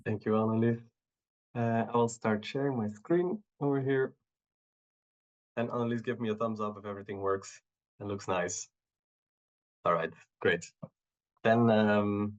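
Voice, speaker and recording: Guy in his 30s from belgium giving a talk, low voice, kinda dull audio. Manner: relaxed, many fillers and restarts. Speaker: guest speaker. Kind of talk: presentation on a video call.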